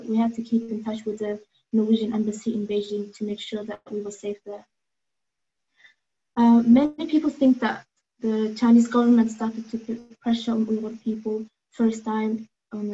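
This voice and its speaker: A seventeen-year-old girl from Norway speaks over a video call from a room at home, earnest and measured, with small hesitations. Her voice sits fairly high but stays flat and steady, with a warm tone, and the call audio sounds muffled. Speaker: speaker giving testimony. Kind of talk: prepared personal testimony.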